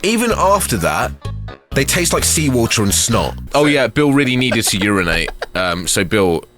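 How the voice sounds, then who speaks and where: A man's voice: mid-range voice, big pitch swings, normal speed, a bit bright, faint music behind. A man co-hosting a casual chat, making wry asides and handing over to the others. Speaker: podcast co-host.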